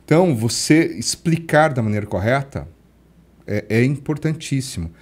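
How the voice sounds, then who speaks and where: A man from Brazil, a leadership coach, explaining things quickly and acting out little dialogues as a guest. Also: mid-range voice. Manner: quick, lively explainer who acts out dialogue. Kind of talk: casual interview chat.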